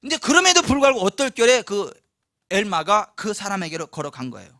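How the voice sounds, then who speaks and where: Male pastor, storytelling sermon; high, ringing voice, dry close sound, animated. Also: fast, no echo. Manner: animated, acts out quoted voices, laughs often. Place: church.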